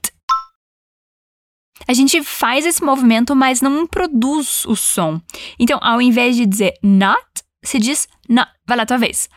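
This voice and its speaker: A woman teaching an English lesson, giving encouraging prompts and modelling phrases slowly for the listener to repeat. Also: on the high side, no echo, clean studio sound.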